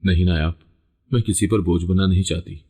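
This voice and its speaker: Firm patient mother of a young girl, as a man reads her, deep voice, husky tone, storybook reading. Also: fairly even intonation, fairly quick, warm tone. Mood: gentle. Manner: plainly read, barely shifted from narration. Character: patient widowed mother, middle-aged woman, long-suffering but firm.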